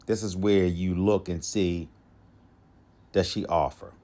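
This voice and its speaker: A man's voice: low voice, fairly even intonation, slow pace, dark tone. A man hosting a podcast, giving dating advice in a casual monologue, repeating his key lines for emphasis and chuckling to himself. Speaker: podcast host.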